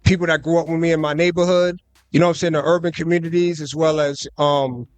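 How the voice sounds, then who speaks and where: This young American rapper has a high-leaning, clear, resonant voice and talks fast, with no echo around him. In a casual radio interview from a live concert booth, he stays relaxed and loose, using plenty of fillers and "you know what I'm saying."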